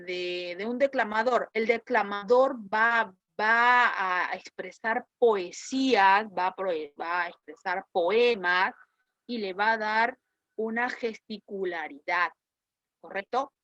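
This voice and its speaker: A woman's voice: mid-range voice, slow pace, a bit bright, dry recording, dull audio. A woman teacher with a Peruvian Spanish accent, explaining a lesson in an online class and checking with her students as she goes. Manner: explanatory, asks students questions and checks with "¿correcto?".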